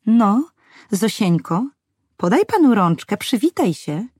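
A woman's voice: mid-range voice, very animated, slow pace, a little mellow, breathy edge, no echo, studio quality, voice pushed up, exaggerated voice. A woman voicing a vain, doting rich mother who coos over her child and snaps at others. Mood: cooing. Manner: cooing to the child, shrieking at others.

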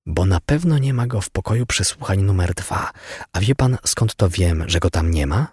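A man voicing a smug male murder suspect who taunts the detective in a cool, unhurried, mocking way. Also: low-pitched, expressive, darkish tone, slightly rough, no echo, clean studio sound. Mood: sly. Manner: mocking, unhurried, coolly polite.

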